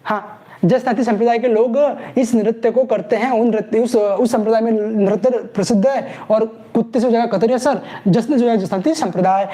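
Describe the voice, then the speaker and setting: A man with a very high, mellow voice leads an exam-prep class at a moderate pace. He playfully asks questions and answers them himself, repeating every key word and tying it to a mnemonic story.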